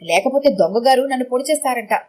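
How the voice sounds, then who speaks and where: A man's voice: very high voice, animated, quick pace, a little mellow. Woman voicing a henpecked whiny husband. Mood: sarcastic pleading.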